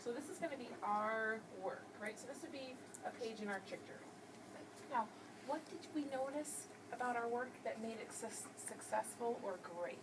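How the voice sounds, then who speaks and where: A woman's voice: on the high side, normal speed. A woman teaching young children, explaining in simple words and often checking understanding with short questions. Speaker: early grade teacher explaining to class. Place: classroom with children. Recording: distant mic in noisy classroom.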